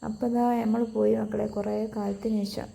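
A woman's voice: medium pitch, little pitch movement, brisk, gravelly, dark tone. A woman with a Malabar Malayalam accent giving a casual, chatty vlog voice-over, mixing English words into her Malayalam and addressing viewers familiarly.

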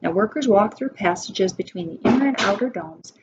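Reading a children's nonfiction book to her listeners, this American preschool teacher in her forties sounds animated and a little fast in a mid-range voice. She instructs, adds asides and poses questions, all over dull lo-fi webcam sound with background noise.

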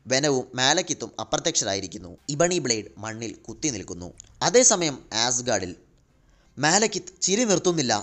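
A man narrating a comic-book story in lively scripted storytelling. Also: medium pitch, fairly quick.

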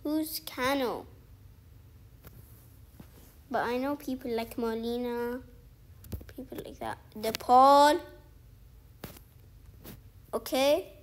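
Slow and high-pitched, with long pauses, a young woman from outside the featured countries talks casually over her mobile football game. A gaming video creator, she thinks out loud in a rambling way, full of "like"s and false starts.

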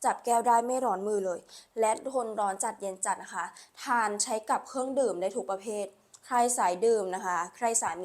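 A woman speaks as a live-stream seller in a mid-pitched voice. She delivers a hard sell, repeating her selling lines and urging listeners along, with polite particles closing most phrases.

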